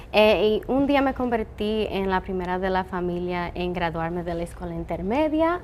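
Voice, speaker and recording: Dominican-born woman engineer, interviewee, earnest and halting, light noise underneath. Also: fairly low pitch. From Dominican Republic. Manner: earnest, with frequent "eh" fillers. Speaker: telescope operations engineer. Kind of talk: interview answers.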